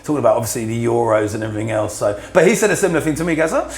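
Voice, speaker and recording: A man's voice: mid-range voice, rapid-fire, darkish tone. A man, a podcast guest rambling through anecdotes and laughing often. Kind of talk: casual chat, storytelling. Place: vape shop. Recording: echoey room.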